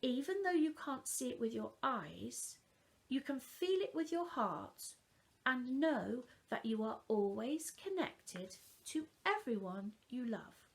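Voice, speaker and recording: A woman reading the part of a calm, loving mother who gently and patiently reassures her young children in a storybook. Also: high-pitched, slow pace, creaky, heavily acted. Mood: soothing.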